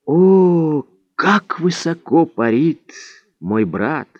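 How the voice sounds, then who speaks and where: A man voicing a gentle, humble old male healer who speaks softly and slowly. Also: mid-range voice, expressive, dry recording, lo-fi sound. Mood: hushed.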